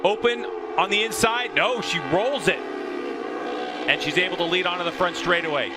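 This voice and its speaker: A man working as a motorsport commentator, calling a race live with animated play-by-play. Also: high-pitched, moderate pace, over loud music. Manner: animated play-by-play calling, rising to shouts at action.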